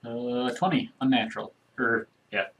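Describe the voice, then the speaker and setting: A man's voice: mid-range voice, steady tone, normal speed. A man playing a tabletop game, chatting casually and laughing often. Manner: laughing, playful. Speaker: player. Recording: distant mic with faint noise.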